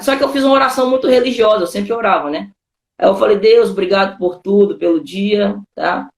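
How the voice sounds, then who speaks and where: A pastor with a Brazilian accent tells his testimony in a casual conversation, constantly dropping "cara" and "né" as he tells his story informally. His voice is high-pitched, gravelly and a little fast, with a roomy sound.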